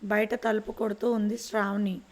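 A woman narrating a serial romance story in a steady, even reading. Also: mid-range voice, moderate pace.

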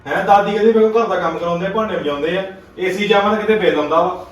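Man acting quick, high-voiced Punjabi son, echoey. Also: highs cut off, close to an everyday voice. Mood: accusing, firm. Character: young son confronting his mother, defending grandmother. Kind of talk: amateur family skit acting. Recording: very echoey room, distant microphone.

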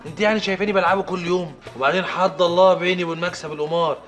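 An actor playing a carefree gambling husband, speaking in Egyptian Arabic in a breezy, dismissive way. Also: male voice, high voice, fairly even intonation, rapid-fire, music in the background, natural voice.

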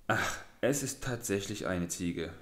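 A man's voice: lowish voice, animated, unhurried, a bit bright, echoey room. A man voicing a gullible old farmer who muses in a hesitant, puzzled way. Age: older.

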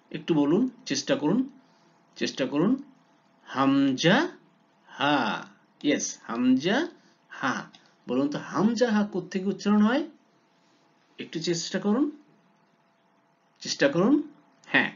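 A man leads a beginners' pronunciation lesson, drawing each letter out slowly and coaxing his listeners to guess and repeat. His pitch rises and falls a lot as he prompts them. The recording is dull and lo-fi. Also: a little mellow. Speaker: Quran reading teacher.

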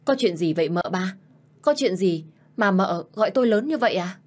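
A woman's voice: mid-range voice, lively intonation, normal speed, close to an everyday voice. A woman voicing a caring, polite housemaid. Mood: concerned. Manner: polite and soothing. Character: caring, anxious female housemaid.

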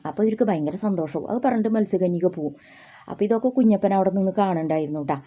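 Fast-telling woman, tinny. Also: mid-range voice. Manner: homely, repetitive, with many fillers and restarts. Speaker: storyteller. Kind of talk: oral folk-tale telling. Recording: tinny phone-like sound.

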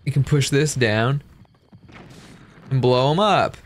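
A man's voice: mid-range voice, slow pace, slight background noise. A man hosting a casual game playthrough, narrating his moves with goofy jokes. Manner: goofy, joking commentary. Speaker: let's-play host. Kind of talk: casual let's-play banter.

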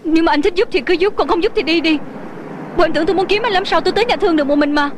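A voice actress dubbing a fierce, proud young woman who runs a tea shop, sharp-tongued and tearful, over a music score. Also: very high-pitched, racing, background noise. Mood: defiant. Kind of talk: Vietnamese dub of a Hong Kong TV drama.

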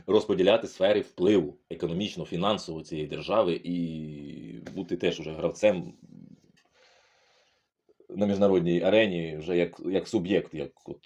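A man's voice: low-pitched, fairly even intonation, moderate pace, a little mellow, lo-fi sound. A middle-aged man giving a profane, heated and sarcastic monologue as a political commentator. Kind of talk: ranting monologue.

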